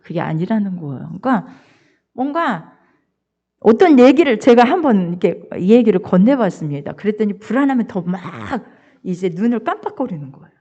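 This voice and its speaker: An older woman pastor preaching a sermon, telling a family story in an animated, expressive way. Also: fairly quick. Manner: animated, expressive storyteller with wide swings in pitch. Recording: dull lo-fi church recording.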